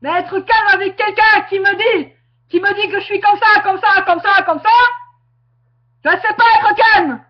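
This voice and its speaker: Very high-voiced woman ranting into a webcam. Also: steady tone, normal speed. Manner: confrontational, repetitive, bursts into shouting. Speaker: webcam vlogger. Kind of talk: angry direct-to-camera rant. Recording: muffled webcam audio.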